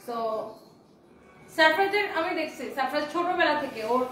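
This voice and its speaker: A woman's voice: high-pitched, animated, normal speed, a bit bright, faint music behind. A woman hosting a live sales stream, reading viewer comments aloud in an enthusiastic, chatty patter. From Bangladesh. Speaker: online saree seller hosting a live stream. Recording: roomy echo.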